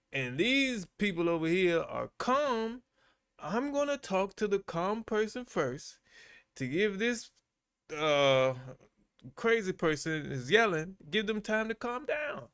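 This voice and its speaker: A man's voice: sits high, a bit bright, clear, resonant tone, dry recording, clean studio sound. A man hosting a live-stream reaction to bodycam videos, talking back at the people on screen and chuckling.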